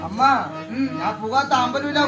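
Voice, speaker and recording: A woman's voice: on the high side, normal speed, lightly acted. A woman playing a plaintive devotee pleading about her woes in a comedy skit. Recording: echoey, loud music and crowd.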